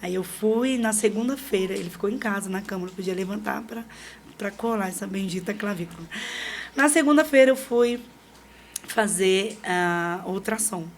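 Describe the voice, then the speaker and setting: A middle-aged Brazilian woman with a mid-pitched voice tells a personal story as a podcast guest. She acts out the voices of the people in her story and laughs often. Faint ambient noise sits behind her voice. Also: moderate pace. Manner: lively, re-enacts dialogue, laughs often. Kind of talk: personal storytelling in a casual interview.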